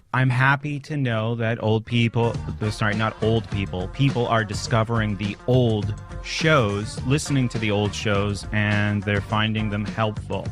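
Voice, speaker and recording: Casual male podcast host, self-deprecating. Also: lowish voice. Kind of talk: casual solo podcast monologue. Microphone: studio microphone through a mixer.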